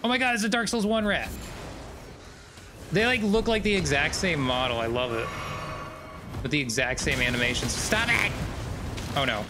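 A man's voice: fairly high pitch, normal speed, pauses often, background noise. A man streaming a video game, commenting casually, swearing often and bursting into sudden screams. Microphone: desk microphone.

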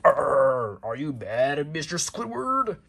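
A man voicing a gruff male crab boss who growls like a pirate, in a plush toy parody skit. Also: fairly high pitch, very animated, slow, fairly bright tone, heavily acted. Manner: growling pirate "arr" talk.

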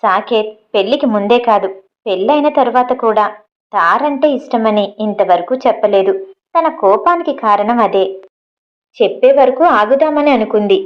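A woman narrating an audio novel in a steady storytelling way, in a dull lo-fi recording. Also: on the high side, normal speed. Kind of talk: reading an audio novel aloud.

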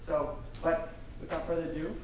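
A young man talks to a concert audience between pieces, informal and full of fillers. His voice sits a little high. It reaches the recording from a distance, with a big hall echo and steady noise. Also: moderate pace. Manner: informal, many fillers and restarts. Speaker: choir member introducing a piece. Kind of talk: spoken concert introduction. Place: large concert hall stage. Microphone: no mic, far camera. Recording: echoey hall from far off, noisy.

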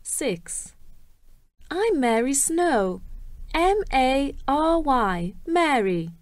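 A woman's voice: high-pitched, very animated, dry recording. A woman reading a self-introduction for a listening exercise, spelling out her name carefully. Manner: very slow, carefully enunciated, spells out names. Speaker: exam recording reader.

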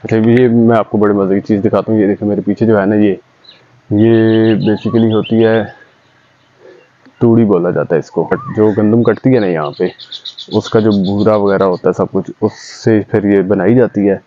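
A man's voice: on the low side, steady tone, moderate pace, dark tone, lo-fi sound, a little hiss or hum. A chatty young man from Pakistan giving a casual vlog tour of his village outdoors, talking straight to viewers into a handheld camera. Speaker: vlogger.

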